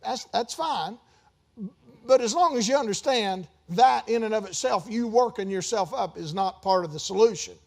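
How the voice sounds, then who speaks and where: A pastor preaching a sermon in a conversational way, with sudden emphatic bursts and joking asides. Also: male voice, high voice, lively intonation, normal speed, gravelly, a little mellow.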